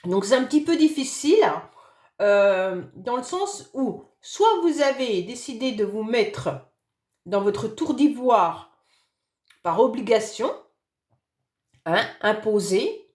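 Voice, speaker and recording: A woman with a hoarse voice after illness, giving a monthly astrology reading in a gentle, reassuring way. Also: a little high, lively intonation, slow, pauses often, roomy sound. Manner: gentle, reassuring, fond of "d'accord?" and "hein". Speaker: tarot reader.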